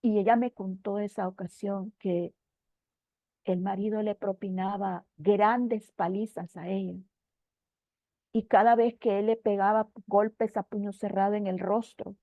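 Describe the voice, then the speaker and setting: A woman's voice: medium pitch, dry recording. A woman giving a personal spiritual testimony at church, telling her story with earnest emotion and addressing her listener as brother. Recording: dull, dry, slightly lo-fi recording.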